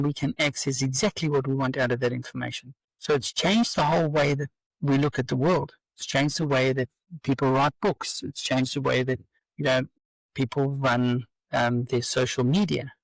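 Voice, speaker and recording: A man's voice: mid-range voice, normal speed, creaky, no room sound, poor audio. A man speaking as an interview guest, explaining eagerly and persuasively in a casual way. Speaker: business coach guest.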